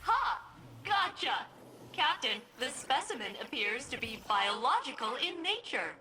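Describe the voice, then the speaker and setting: A woman's voice: high voice, very animated, measured pace, background noise. An actress voicing a quirky, chatty female spaceship AI in a video game, swinging between formal reports and flustered asides. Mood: triumphant. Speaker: ship's AI character. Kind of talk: video game character dialogue. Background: game music.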